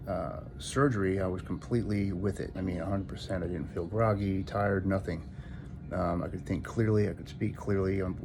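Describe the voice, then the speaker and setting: Man, very low pitch, creaky gravelly voice, casual video diary, halting matter-of-fact delivery, noisy room. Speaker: patient recording a recovery video diary. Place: hospital room, indoors. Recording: noisy room ambience behind voice.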